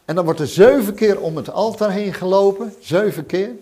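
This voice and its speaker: Guy preaching a sermon, kinda high voice, earnest and repeats stuff. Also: moderate pace, dark tone. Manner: earnest, repeats phrases, fervent on prayers.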